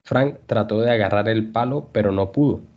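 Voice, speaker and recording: Man reading a story for learners. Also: on the low side. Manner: clear measured reading. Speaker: language teacher. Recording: dull lo-fi podcast audio.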